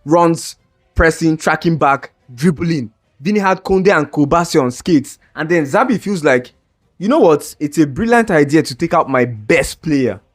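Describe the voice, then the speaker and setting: Soft background music plays as a young football fan vlogger with a fairly high, expressive voice rants about a match at a moderate pace. Exasperated and heated, he restarts and stumbles, his voice straining.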